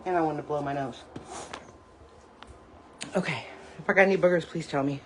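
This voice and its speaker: This cooking livestream host has a deep, fairly bright voice and talks a little fast, with slight background noise. She's streaming casually from her home kitchen on a phone, chatty, calling her viewers "y'all" and a touch hot and breathless.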